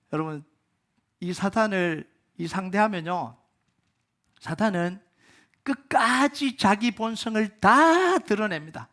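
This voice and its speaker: A man preaching a sermon as pastor at a Friday prayer meeting, moving between loud emphatic peaks and low quiet asides. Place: church sanctuary.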